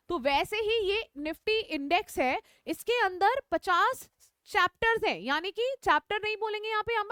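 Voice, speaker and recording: A woman teacher leads a live online class, switching between explanation and quick questions to her students. Her voice is very high and bright. The sound is dry and close. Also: dry recording. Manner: repeats key points, checks in with students; mixes English phrases into Hindi.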